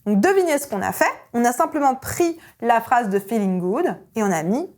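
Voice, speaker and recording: Lively woman vocal coach. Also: fairly high pitch, normal speed. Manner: energetic and emphatic, with sung vowel demonstrations. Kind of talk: online singing lesson.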